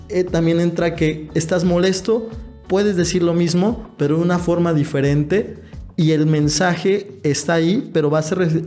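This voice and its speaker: A man, a podcast guest, reasons through his point step by step. His voice sits a little high yet sounds soft and warm. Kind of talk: casual podcast discussion.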